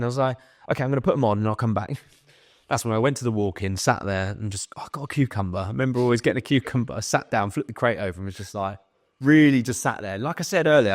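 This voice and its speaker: A young man telling a workplace story as a podcast guest, animated and swearing freely as he acts out what people said. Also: mid-range voice, dry recording, studio quality. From England. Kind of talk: casual storytelling.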